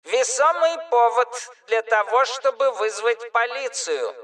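A woman voicing a stern mechanical announcer that delivers formal, officious warnings in a slow, clipped way. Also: a little high, animated, distant mic, voice pushed up. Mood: threatening.

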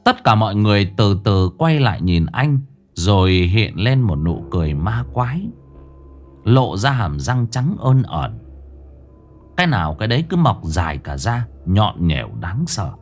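A man's voice: lowish voice, big pitch swings, unhurried. A man narrating a ghost story in a theatrical, swinging way. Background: faint music.

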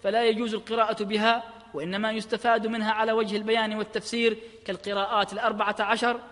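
Male lecturer, high voice, speaks straight to students and recites examples, long hall reverb. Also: flat delivery, very fast, a bit bright. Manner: engaged teaching tone, addresses listeners directly, recites examples. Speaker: lecturer on Quranic readings. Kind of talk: academic lecture.

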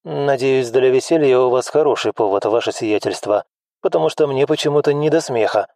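A man's voice: mid-range voice, normal speed, dark tone, close to an everyday voice. A man voicing a tense male steward who reports in a strained, formal way.

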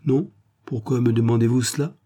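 A man's voice: medium pitch, normal speed, warm tone, natural voice. A man voicing a distraught young woman who pleads anxiously for help finding her missing father. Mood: pleading, distressed.

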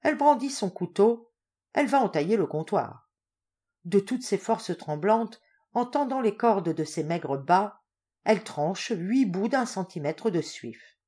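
Expressive woman reading a tale aloud. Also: mid-range voice, measured pace, husky. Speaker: audiobook reader. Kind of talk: literary narration.

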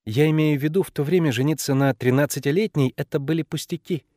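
A man's voice: fairly high pitch, mellow, no room sound, studio quality, close to an everyday voice. A man voicing a precocious, bossy eight-year-old girl who presses her questions insistently. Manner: insistent, quick, conspiratorial questioning.

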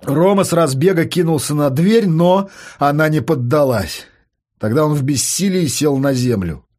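A man narrating an audiobook story with a husky, slightly high voice. His delivery is steady and dramatic, and his pitch moves lively through each sentence. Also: moderate pace.

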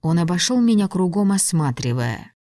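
A woman reading a first-person audiobook in an even, measured storytelling voice. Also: on the low side, dry recording, studio quality. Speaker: audiobook narrator.

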